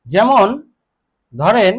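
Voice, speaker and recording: A man teaching Quran reading, slowly spelling out letters and repeating each syllable three times in a measured sing-song. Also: high voice, big pitch swings, slightly rough. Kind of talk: slow drilled recitation lesson.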